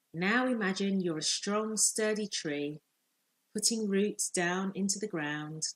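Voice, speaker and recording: Female life coach, low-pitched and slightly breathy, slow soothing guided visualisation delivery. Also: poor audio. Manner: slow, soothing, measured instructions with long pauses.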